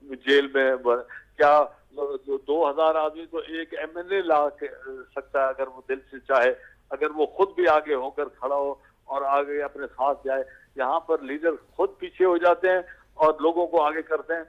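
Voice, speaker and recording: A man speaking as a political guest on a talk show, halting and full of filler sounds. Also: on the high side, steady tone, narrow, tinny audio.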